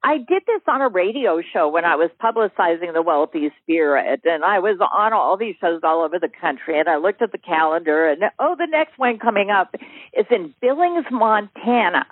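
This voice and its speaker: A woman who teaches affirmations, talking in an animated, emphatic way. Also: fairly low pitch, moderate pace, breathy edge, no echo. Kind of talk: casual chat. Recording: phone-line audio.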